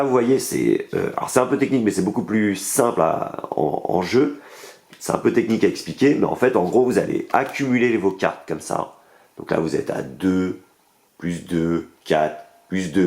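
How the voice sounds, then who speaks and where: Speaking in a low, slightly mellow voice with lively intonation, a French-accented man goes through a board game's cards in a casual unboxing. He's enthusiastic, walks through the rules step by step at normal speed, and uses many fillers.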